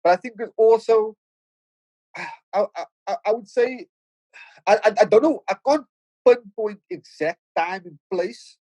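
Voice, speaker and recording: Speaking in a high voice with a darkish tone, this middle-aged rapper and producer from Cape Town's Cape Flats chats as a casual podcast guest in a Cape Town South African accent. He reflects aloud with many stammered restarts, and the poor-quality audio has no room sound.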